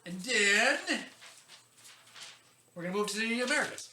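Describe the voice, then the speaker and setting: A male podcast host with a high, bright, forceful voice speaks in an animated but unhurried way. His style is a casual, joking, informal explainer, and he stumbles over unfamiliar names. The room echoes, with faint background noise.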